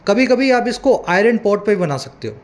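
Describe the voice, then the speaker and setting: A man teaching vocabulary in Hindi, with many asides and checks like "है ना", and reading lines slowly and carefully. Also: high-pitched, big pitch swings. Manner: reads English lines slowly and deliberately. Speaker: English tutor. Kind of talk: Hindi-English newspaper reading lesson.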